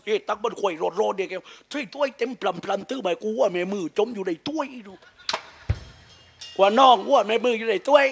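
Gravelly high Southern Thai comic puppeteer. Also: male voice. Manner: crude, joking storytelling with laughs. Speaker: shadow puppet master. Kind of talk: comic shadow puppet banter.

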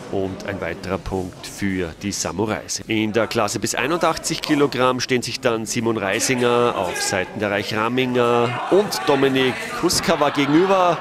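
In a recorded voice-over, a male sports commentator calls a match at a moderate pace with few pauses, his mid-range voice rising at the key moments of otherwise matter-of-fact commentary. Music plays in the background alongside a cheering crowd in a sports hall.

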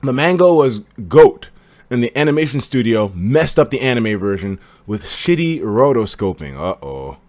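An American man in his twenties chatting and reacting casually on a livestream, expressive, slangy and profane. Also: mid-range voice, moderate pace. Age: 20s. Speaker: livestreamer reacting to videos and reading chat. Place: indoor streaming room.

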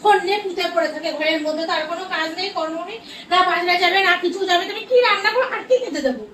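Shrill nagging woman in an echoey room. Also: very fast, fairly bright tone, recorded from a distance, a little hiss or hum. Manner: scolding, nagging, laughing. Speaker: comedy vlogger. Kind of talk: comic domestic skit.

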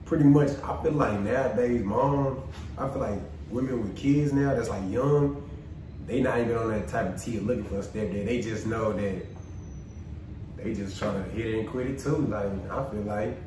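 An animated twenty-three-year-old man speaks in a mid-range voice, pressing his points and repeating them. He is picked up from across a very echoey room. A steady noise sits under him. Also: fairly low pitch, moderate pace, distant mic. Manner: animated, emphatic, repeats for emphasis. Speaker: guest. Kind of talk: casual chat.

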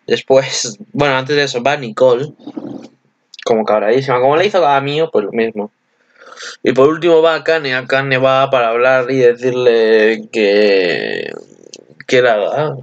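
Guy rambling about stuff, corrects himself a lot, kinda dull lo-fi audio. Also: mid-range voice. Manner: rambling, self-correcting, chatty. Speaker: channel host. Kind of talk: casual anime commentary.

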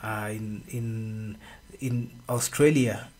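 Man explaining slowly in studio. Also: fairly low pitch, steady tone, darkish tone. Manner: unhurried, explaining with many pauses and fillers. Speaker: radio co-host. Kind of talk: studio radio discussion. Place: radio studio with red walls. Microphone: studio boom mic.

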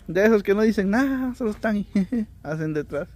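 A man's voice: high voice, lively intonation, fairly quick, a little mellow. A man with a Guatemalan accent chatting casually and jokingly with his family and viewers. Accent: Guatemalan Spanish. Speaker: vlogger, taco seller. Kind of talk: casual chat.

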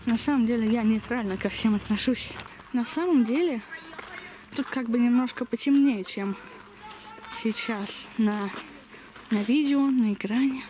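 A young adult vlogger chats as she walks down a village street outdoors, holding a camera at arm's length and lisping with a slushy sh in place of s. Her highish voice has a darkish tone and an unhurried pace with long pauses, and the outdoor recording is noisy.

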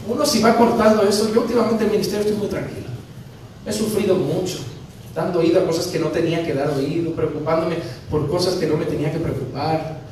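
High-voiced pastor in echoey church. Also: male voice. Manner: animated, acting out dialogues with humor. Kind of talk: sermon. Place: church sanctuary. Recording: very echoey church from a distance, faint noise.

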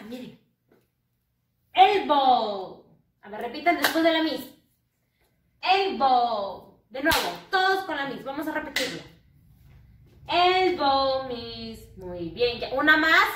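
High-voiced woman teaching small children. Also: fairly bright tone, a little hiss or hum. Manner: sing-song, coaxing, answers own questions in kids' voices. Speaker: English teacher for first graders. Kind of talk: children's lesson. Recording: roomy, distant from the mic.

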